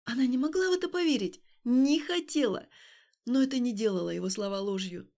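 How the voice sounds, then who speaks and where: A woman's voice: a little high, a little fast, a little mellow. A woman narrating a novel with dramatic, emotionally charged reading. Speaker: audiobook reader. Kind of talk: expressive audiobook narration.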